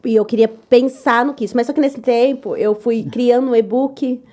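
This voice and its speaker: A young woman chef telling her story in an interview, lively and loud, acting out the voices of others. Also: on the high side, moderate pace. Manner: lively, acts out quoted voices, repeats "tal, tal"; says she talks loud and gruff. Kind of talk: animated personal storytelling.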